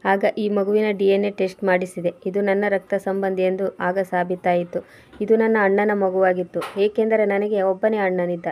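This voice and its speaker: In a storybook reading, a woman narrator voices a grieving transgender woman pouring out her past, her plaintive words delivered in a flat, mellow, medium-pitched voice. The performance is lightly acted, steady and sorrowful, with slight background noise.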